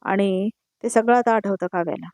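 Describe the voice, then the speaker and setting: Woman, casual serial recap narration, conversational, middle pitch, dry sound. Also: moderate pace, darkish tone, no echo. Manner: conversational, repeats "now she says" tags between quoted lines. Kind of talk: casual spoken episode recap voice-over.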